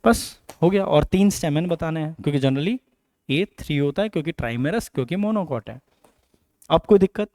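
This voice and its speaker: A man's voice: fairly high pitch, animated, a little fast, darkish tone, no room sound, clean studio sound. A middle-aged man giving a biology coaching lecture, asking questions and repeating terms to drill them in. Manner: explains with questions and repetitions, Hinglish mix. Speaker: biology teacher.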